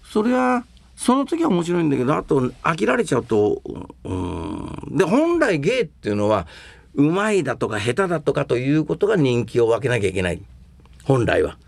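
Speaking with a voice on the high side that swings hugely in pitch, an older man holds forth casually about comedy and performing arts at a moderate pace. He's opinionated and rambling, with rough, colloquial phrasing, and the recording has no echo.

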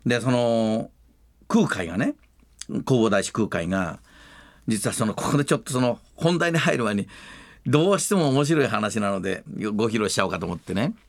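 A man's voice: fairly low pitch, animated, normal speed, no echo. Older man telling rambling stories. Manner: rambling, colloquial storytelling with rough casual speech. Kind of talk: casual radio talk.

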